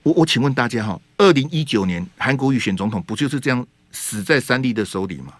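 A man's voice: medium pitch, lively intonation, quick pace, dry recording. A man with a Taiwanese Mandarin accent hosting a radio talk show, giving fiery, sarcastic political commentary full of rhetorical questions. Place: radio studio.

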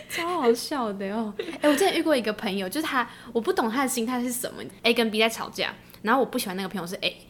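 Young woman co-host, rapid lively chatter, fairly high voice. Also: slight background noise. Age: young adult. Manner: animated, laughs often, acts out quotes. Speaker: podcast co-host. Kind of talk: casual chat.

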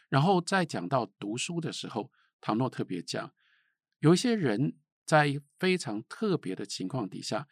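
A middle-aged man from Taiwan giving a spoken literature lecture, emphatic, with sharp rises and falls and rhetorical questions. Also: mid-range voice, slightly rough, no echo, studio quality.

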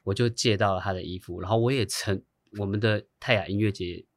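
A man with a lowish voice, talking casually as he spins a long anecdote. He acts out the people he quotes and laughs now and then. The recording is dry and close, with no room sound. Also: quick pace, no room sound. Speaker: guest; hairstylist. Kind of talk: casual storytelling chat.

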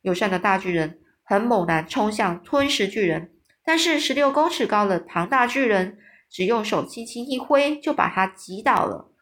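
A woman reading a children's story aloud, lively, pausing to explain hard words in plain talk. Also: medium pitch. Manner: lively, with small restarts.

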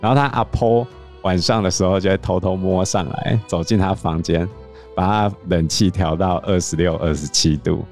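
A man with a very low voice and a Taiwanese Mandarin accent chats on a book-club podcast, spinning animated stories about a student. Quiet music sits beneath him. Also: normal speed. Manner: animated storytelling, self-teasing asides. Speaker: podcast co-host, teacher. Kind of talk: casual book-club chat.

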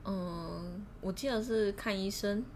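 In this casual storytelling chat, a young woman co-hosting a podcast laughs often and retells events with animation. She speaks slowly in a mid-range voice, and a little hiss or hum sits under the recording.

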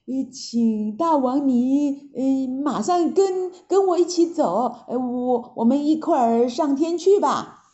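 A woman voicing an old, fawning male heavenly envoy in a storybook tale, speaking slowly and haltingly. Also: high-pitched, expressive, dark tone, highs cut off, pitched above the performer's own voice. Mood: polite. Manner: slow, halting and polite.

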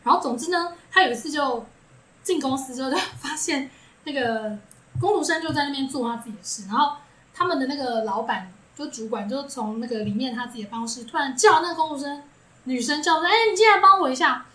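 A woman co-hosting a podcast, telling a workplace story in casual chat, animated and quick to laugh, acting out the people she quotes. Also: sits high, reverberant. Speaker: podcast co-host.

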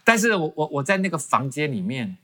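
Man, quick speech, animated storytelling, restarts often, guest testimony. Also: a little high. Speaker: guest professor. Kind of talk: personal testimony in interview.

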